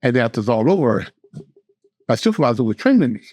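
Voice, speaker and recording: A male host and therapist tells a story in an earnest, conversational way. His voice sits at a middle pitch, and he often restarts his sentences. The studio sound is dry. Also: big pitch swings, quick pace, darkish tone, no room sound. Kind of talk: conversational talk show. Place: podcast studio.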